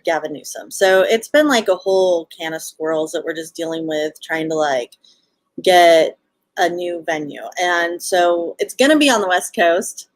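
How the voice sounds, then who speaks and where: A woman with a California Valley Girl accent chats casually in a bubbly sorority-girl way, peppering her talk with slang. Her voice sits a little low for a woman and is recorded close and dry. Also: no echo, poor audio. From Los Angeles, United States. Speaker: podcast guest, show co-founder and event organizer. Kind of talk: casual live interview chat.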